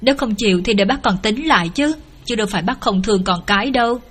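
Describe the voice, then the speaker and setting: A woman's voice: medium pitch, fast, fairly bright tone, slight background noise, natural voice. A distraught middle-aged mother begs for help, her voice tearful and imploring, as a woman narrator reads her. This is an audiobook-style reading with a plain everyday voice. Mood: pleading. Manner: pleading, tearful.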